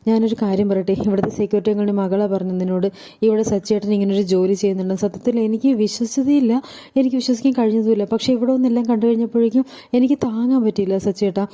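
A woman reading out the lines of a tearful young wife pleading with her husband, in her own quick, low voice. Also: steady tone, warm tone, natural voice.

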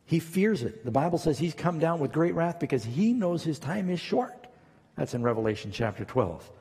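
A man delivers a sermon in a big echoing hall, his voice a little husky and pitched somewhat high for a man. He tells stories and pushes his points home with rising, emphatic questions. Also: sing-song, normal speed, a little mellow. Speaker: pastor.

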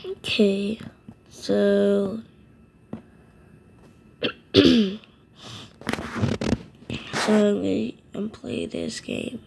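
A woman with a low, hushed, raspy voice that is nearly gone, giving halting, casual commentary while playing mobile games. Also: fairly even intonation, noisy background. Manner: halting, sparse short remarks. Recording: loud music over the voice. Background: music.

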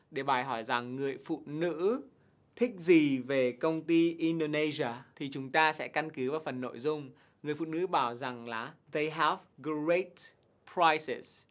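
A male teacher talks through test answers in a patient, clear way. He pauses to repeat English words slowly and with heavy stress so learners can copy them, in a voice of middle pitch. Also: sharp tone. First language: Vietnamese. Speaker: TOEIC teacher. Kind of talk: televised English lesson, explaining answers and modeling pronunciation.

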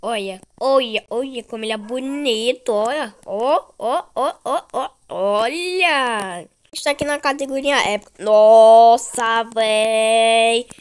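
A young Brazilian woman with a high voice calls out her gameplay in excited bursts. She talks in a chatty way, full of slang and exclamations. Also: slow, clear, resonant tone, no room sound. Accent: Brazilian Portuguese. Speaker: gaming video creator.

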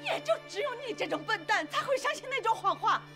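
Nagging aunt, TV series; high, lively, shrill, with a loud score behind. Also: female voice, a little fast, loud music behind the voice. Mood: harsh. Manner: scolding, sharp-tongued nagging. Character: shrill short-tempered aunt, young mother. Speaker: aunt and young mother.

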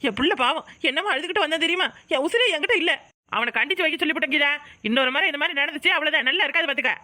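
A woman with a Kanyakumari Tamil accent voicing a loud, hot-tempered village mother in a cartoon, scolding and shouting. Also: high voice, rapid-fire, dry recording, studio quality. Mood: quarreling. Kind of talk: cartoon voice acting.

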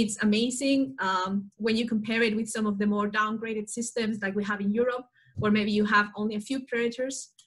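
Bright-voiced young woman from Spain. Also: fairly high pitch. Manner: eager, animated explanations with fillers. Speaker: biologist guest. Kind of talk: casual video-call interview. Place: small room at home. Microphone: video call.

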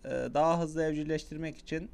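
A young man giving casual gameplay commentary, chatting with viewers and shouting at the game when it gets tense. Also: a little high, steady tone, a little fast, vocal fry. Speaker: gaming YouTuber.

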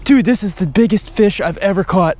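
A young man in his twenties filming a casual fishing vlog outdoors by a pond on a body-worn camera, excitable and saying "literally" and "dude" a lot. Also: high voice, fairly quick. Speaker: fishing vlogger. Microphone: action camera worn on body.

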